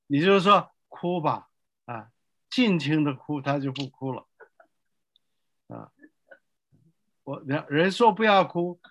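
An older male pastor preaching a sermon slowly and emphatically, asking the listeners rhetorical questions. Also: on the high side, fairly bright tone, dry recording.

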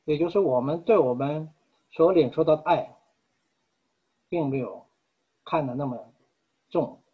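Male preacher, husky, earnest and measured sermon delivery, dull lo-fi recording. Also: a little high, animated. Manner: earnest, measured, with frequent pauses.

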